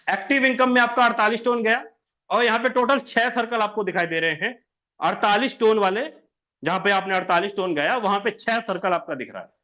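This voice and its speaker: A man explains a plan in a high, bright voice, going over each step again and again. He asks himself questions and answers them, and the recording sounds a little dull. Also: a little fast. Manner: repetitive, asks and answers own questions, says "sir". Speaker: presenter explaining an income plan. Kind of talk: explanatory walkthrough of a diagram.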